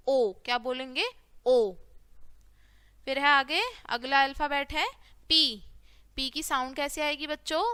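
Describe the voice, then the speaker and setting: High, bright-voiced woman teaching phonics slowly. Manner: slow, drawn-out teaching with repeated questions and answers. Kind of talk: phonics lesson for young children.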